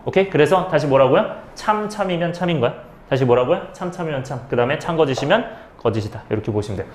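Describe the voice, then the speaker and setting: A man's voice: a little high, expressive, fast, roomy sound. A male math teacher giving a step-by-step lecture, asking questions and answering them himself, often checking in with students. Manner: keeps checking in with students, "okay?".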